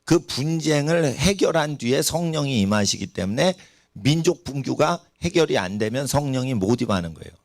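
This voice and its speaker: A man's voice: mid-range voice, expressive, normal speed, creaky, dry recording, studio quality. A man preaching a sermon in a church, asking the congregation rhetorical questions. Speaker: pastor. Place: church sanctuary.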